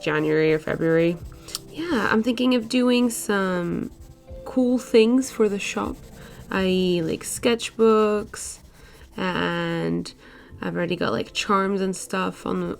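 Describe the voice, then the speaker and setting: An art vlogger in her twenties, a young woman whose native language is Portuguese, chats casually over a sketching video. Her voice is medium-pitched and creaky, sprinkled with plenty of "like" and "uh" fillers.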